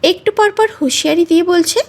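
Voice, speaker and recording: A woman storyteller giving expressive, measured narration of a romantic story. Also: very high-pitched.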